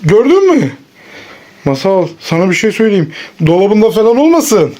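A man playing pretend with his child at home, animated and coaxing in a family vlog. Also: sits high, normal speed. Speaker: father. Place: at home, indoors.

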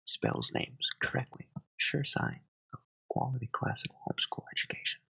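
A soft-spoken ASMR host in close-mic whispers, reading satirical headlines and adding dry deadpan asides. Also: medium pitch, normal speed, gravelly, breathy edge, poor audio. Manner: reads headlines, then adds wry deadpan asides.

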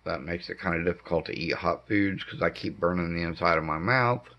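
A middle-aged man with a hoarse voice impaired by throat cancer treatment, giving a halting, casual update at home with many pauses. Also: low voice. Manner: slow, halting delivery with frequent ums. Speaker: homestead vlogger. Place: dim living room indoors. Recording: dull lo-fi camera audio.

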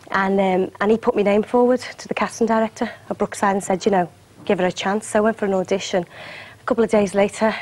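A woman's voice: mid-range voice, a little mellow. A woman in her twenties, a guest singer and actress, chatting casually and laughing easily in a television studio. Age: 20s. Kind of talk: casual chat on breakfast television.

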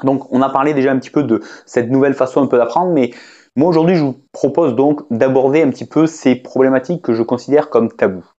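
French-speaking male teacher, casual talk to camera, halting and chatty, slightly muffled recording. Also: medium pitch, mellow. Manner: hesitant, many fillers and restarts, conversational. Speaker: English teacher. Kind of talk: casual spoken lesson to camera.

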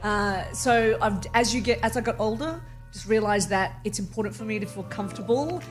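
A woman in her forties from Vietnam, raised in Australia, chatting as a guest journalist in a casual, self-mocking way, laughing often, into a studio boom mic. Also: brisk, faint music behind. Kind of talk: casual interview chat. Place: studio with neon-lit backdrop. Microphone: studio mic on boom arm.

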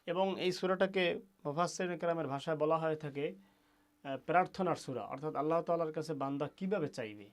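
A man with a Bangladeshi Bengali accent teaching recitation, who sounds out words slowly with heavy stress and then explains them. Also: a little high. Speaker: religious teacher. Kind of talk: recitation lesson.

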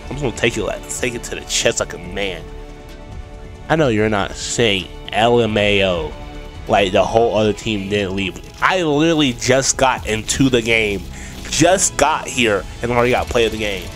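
A young gaming streamer with a stuffy, sick-sounding voice from a cold chats casually to viewers and himself while playing, recorded at home on a desk mic with a headset. His fairly low voice is expressive and a bit bright at normal speed, with game music and sound effects behind him.

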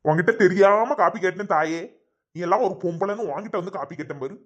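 A man's voice: high-pitched, fast, highs cut off. A man playing a lazy, drinking village husband who grumbles at his wife. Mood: grumbling.

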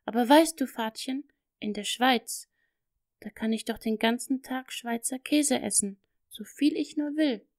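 A woman voicing a lively, eager little girl in a storybook, talking in an excited, pleading way. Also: on the high side, a little slow, no echo, clean studio sound, close to an everyday voice. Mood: cheerful.

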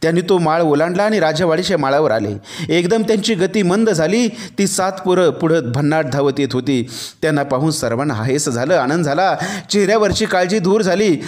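A male narrator reads a novel aloud with a fairly high voice. His delivery is expressive and storytelling, and it suits an audiobook. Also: brisk. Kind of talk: dramatic novel reading.

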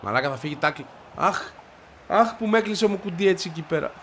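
Excitable man yelling over a football game. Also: high-pitched, a little hiss or hum. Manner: shouts and yelps at the game, frustrated outbursts. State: stuffy, congested voice. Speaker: gaming video creator. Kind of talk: excited gameplay commentary.

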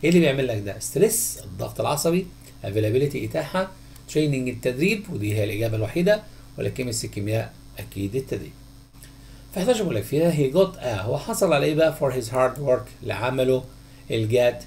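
A man with an Egyptian Arabic accent, a teacher going through textbook answers, who questions the class and then answers himself in a drawn-out voice. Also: mid-range voice, sing-song, creaky, darkish tone, slight background noise. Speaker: English teacher.

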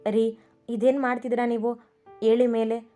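A woman voicing an affectionate young wife who gently scolds her husband in a storybook reading. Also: fairly high pitch, level tone, normal speed, natural voice. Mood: worried. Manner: concerned, gently chiding. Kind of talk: storybook narration with voiced characters. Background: faint music.

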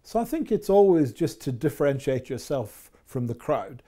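A man in his fifties with a Scottish accent, a chief executive answering interview questions in a measured, reflective way in an office. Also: medium pitch, sing-song, dark tone. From Scotland. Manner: measured, reflective, with frequent fillers. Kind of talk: business interview. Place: office with window blinds. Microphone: lapel mic.

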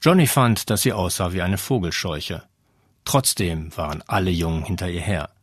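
A man reading a novel aloud as audiobook narrator, in a measured storytelling manner. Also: low voice, breathy edge, dry recording, clean studio sound. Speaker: audiobook reader. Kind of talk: scripted narration.

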